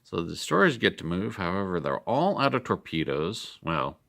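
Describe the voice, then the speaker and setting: Man, middle-aged, from Denver, gravelly, fairly low, relaxed rambling wargame host. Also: normal speed. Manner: relaxed, rambling, yawning, thinks aloud. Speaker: board game video host. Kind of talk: casual wargame playthrough.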